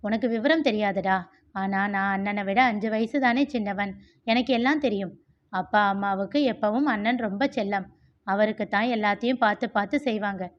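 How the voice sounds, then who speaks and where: A woman reading the part of a gentle, reflective young man in a storybook, talking softly and confidingly. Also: medium pitch, normal speed, natural voice. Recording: muffled lo-fi recording.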